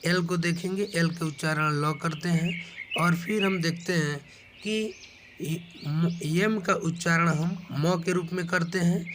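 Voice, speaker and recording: A man teaching a slow spoken lesson, patiently going over each letter and its sound again and again. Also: on the high side, fairly even intonation, background noise. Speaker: English teacher. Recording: clear bird sounds in background. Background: birdsong.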